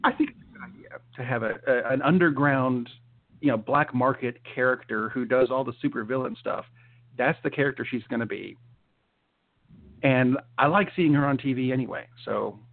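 A man's voice: medium pitch, moderate pace. A man co-hosting a casual chat show, talking with many fillers and restarts. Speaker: podcast co-host. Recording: tinny phone-like sound.

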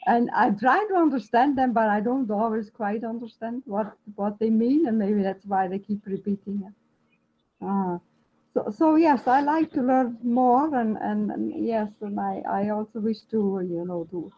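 An Austrian woman with an Austrian German accent introduces herself casually in a class, hesitating and restarting many times. Her voice is fairly high and her pace measured. The call line sounds muffled and lo-fi, with faint noise.

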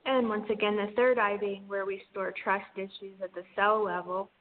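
A woman's voice: mid-range voice, flat delivery, moderate pace. A woman guiding a spiritual energy healing session in a soothing, mystical healer's manner. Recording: tinny phone-like line with hiss.

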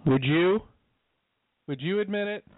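A man's voice: high-pitched, a little slow. A man co-hosting an internet radio show in blunt, profane banter, his voice breaking up over a glitchy call. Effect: voice breaking up over a glitchy, staticky Skype call. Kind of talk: casual banter. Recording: tinny, dry internet call line breaking up.

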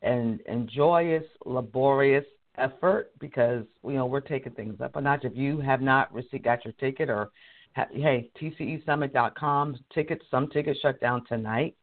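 A hoarse man hosting a casual live career show, chatty and laughing often as he restarts his sentences. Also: medium pitch, moderate pace, phone-quality sound. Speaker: career coach and show host. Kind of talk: casual live-stream talk.

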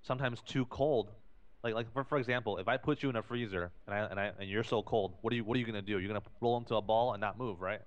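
Man with a lowish voice who explains things fast, lots of restarts. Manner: explanatory, repeats and restarts phrases. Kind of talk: casual podcast talk. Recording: dull lo-fi recording.

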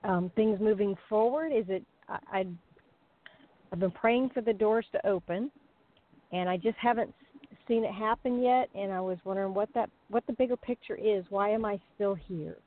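A woman phones in with a medium-pitched voice, heard through a narrow, muffled line. She talks conversationally and earnestly, feeling her way through her words as she goes. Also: moderate pace. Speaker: caller to a call-in show. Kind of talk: personal question to a spiritual adviser, conversational. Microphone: phone call.

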